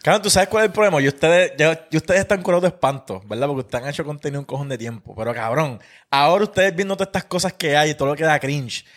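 A man's voice: a little high, fast, fairly bright tone. A man with a Puerto Rican Spanish accent, asking questions and reacting in a casual chat. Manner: quizzing, reacts with short swears.

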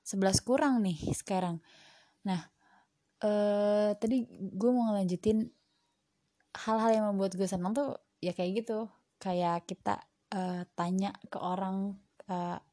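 Chatty young woman, mellow voice. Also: medium pitch, dry recording, clean studio sound. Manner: chatty, reflective, many fillers. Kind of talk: casual solo monologue. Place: home at night.

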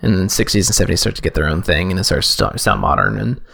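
Low gravelly man chatting casually. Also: bright, forceful tone. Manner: rambling, halting, many restarts. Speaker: podcast co-host. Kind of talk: casual chat.

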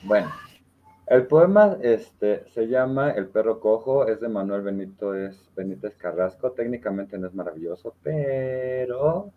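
Man reciting poetry over a dull video call; low-pitched, thoughtful. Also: lively intonation, measured pace. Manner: reflective, uses many fillers and tag questions. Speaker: participant reading a poem. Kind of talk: casual literary discussion and poem recital.

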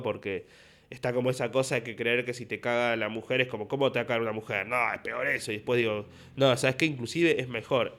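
A man's voice: mid-range voice, a bit bright. A young man with an Argentine accent, a stand-up comedian hosting his podcast and telling stories from his shows with acted-out dialogue. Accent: Rioplatense Spanish. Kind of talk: casual podcast monologue.

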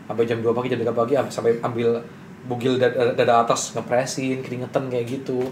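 A young man, a business owner telling his story in a casual interview with brash, animated confidence. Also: medium pitch, a little fast. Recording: roomy echo with faint noise.

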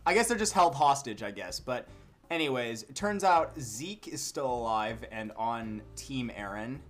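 Animated young man with a lively voice. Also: mid-range voice, a little slow, faint music behind. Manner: animated, laughs often, repeats himself. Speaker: podcast co-host. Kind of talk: casual chat.

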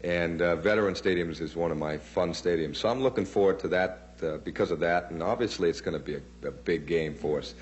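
A man's voice: deep voice, a little fast, hardly any pauses. A man answering casually in an interview as a football player, with background noise. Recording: faint hum behind the voice.

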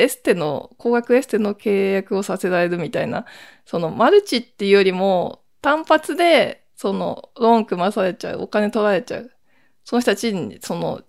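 A woman's voice: mid-range voice, gravelly. A woman hosting her own podcast, talking alone in a casual, chatty way with lots of rambling asides. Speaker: podcast host. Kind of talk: casual solo podcast chat.

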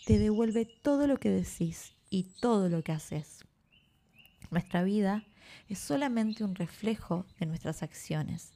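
A woman reading a gentle, patient father. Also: mid-range voice, animated, unhurried. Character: gentle, patient father teaching his son.

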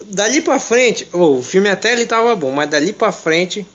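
A man with a notably high voice chats casually with friends, retelling a film as an animated, joking storyteller who uses a lot of slang. The recording sounds dull and lo-fi. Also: moderate pace. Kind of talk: casual chat.

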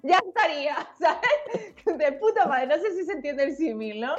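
High-voiced frank woman guest. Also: normal speed, lo-fi sound. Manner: animated, slangy and frank. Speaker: guest illustrator. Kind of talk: conversational interview.

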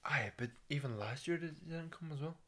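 A man's voice: fairly high pitch, brisk, fairly bright tone. A man with a Derry accent chatting casually and reminiscing, with hesitant restarts. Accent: Derry, Northern Irish. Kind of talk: casual chat.

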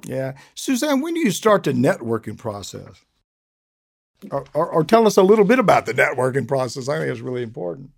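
An older American man with a gravelly voice hosting a podcast, with hearty, punchy military-style emphasis. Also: mid-range voice, very animated, brisk, no room sound, studio quality. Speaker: podcast host, retired Army sergeant major. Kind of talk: podcast hosting with personal anecdotes.

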